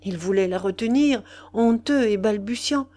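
A woman narrating a literary audiobook with expressive, dramatic storytelling. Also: mid-range voice, moderate pace. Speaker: audiobook reader.

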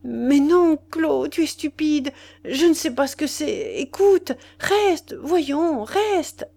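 A woman's voice: fairly high pitch, animated, unhurried, a little mellow. Woman reading a scheming young lover. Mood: pleading. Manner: confiding, then flustered and pleading. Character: scheming young man, smug then pleading lover.

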